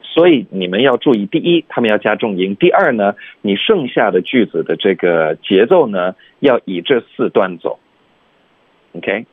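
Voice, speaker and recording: A man teaching English pronunciation on a radio lesson, explaining calmly and slowly sounding out example phrases. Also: on the low side, husky, no echo. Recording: tinny phone-like radio sound.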